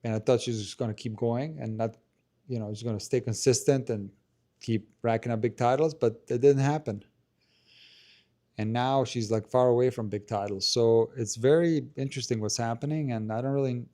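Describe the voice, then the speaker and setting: A man hosting a tennis channel's live stream speaks briskly in a low, soft voice without much strength, taking viewer questions indoors on camera. He hedges frequently, starts sentences over, and fills gaps with "like" and "you know," and the handheld mic close to him keeps the audio clear.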